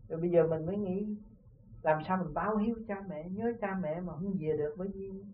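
A man's voice: sits high, brisk, slight background noise. A man with a Southern Vietnamese accent, a spiritual teacher giving an informal talk to disciples, earnest and often asking his listeners if they see the point. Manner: earnest, repeatedly asks "see?". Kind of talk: informal dharma talk with parables. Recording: tinny distant lo-fi tape.

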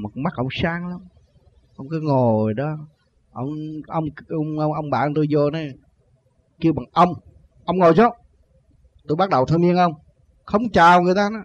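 An older man with a Southern Vietnamese accent, telling a personal story in a lively, colloquial way and acting out the people he quotes. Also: a little high. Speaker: storyteller recounting his conversion. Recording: dull lo-fi recording.

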